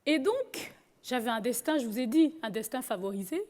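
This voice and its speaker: A woman's voice: a little high, lively intonation, moderate pace, a little mellow. A woman from Gabon telling her personal story with humor. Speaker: speaker.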